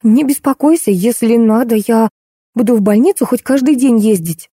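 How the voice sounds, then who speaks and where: Woman doing timid young woman, soft-spoken, higher pitch, mellow, audiobook. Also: moderate pace, slightly rough, dry recording, studio quality. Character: timid kind-hearted young woman blood donor.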